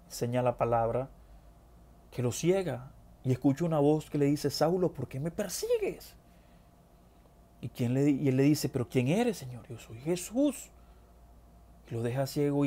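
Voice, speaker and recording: A man preaching a sermon, reading scripture passages aloud and then dropping to quieter asides to the congregation. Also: mid-range voice.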